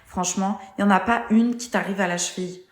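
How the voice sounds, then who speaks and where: A woman acts out an evasive, dismissive young boyfriend in scripted text-to-speech drama. The delivery is blunt and slangy at a medium pitch. Audible room echo surrounds it. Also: fairly even intonation, brisk, lightly acted. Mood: cajoling.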